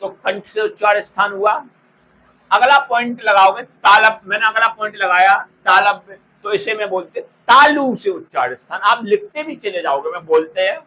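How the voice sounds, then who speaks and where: A man teaching an exam-prep grammar lesson, repeating each term slowly for students to write down and calling them by fond names. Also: high-pitched, pushed and bright, slight background noise, low-quality recording. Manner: slow, repeats terms for dictation; addresses students fondly.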